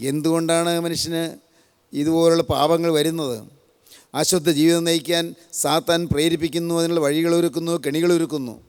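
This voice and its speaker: A man's voice: a little high, flat delivery, brisk, clear, resonant tone. An older man from Kerala preaching a sermon, solemn and repetitive, stacking one parallel phrase after another. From Kerala, India. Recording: long hall reverb.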